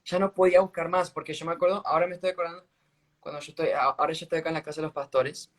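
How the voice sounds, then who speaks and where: A man giving a casual faith testimony on a live stream, earnest and halting, restarting his sentences often. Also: a little high, little pitch movement. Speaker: guest sharing a faith testimony. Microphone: phone on a live video stream.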